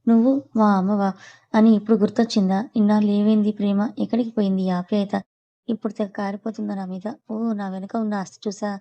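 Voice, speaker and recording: A woman's voice: medium pitch, little pitch movement, fast talker, lo-fi sound, natural voice. A woman doing Jai, a furious young husband. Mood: bitter. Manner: harsh, scolding. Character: angry young husband, fiercely protective.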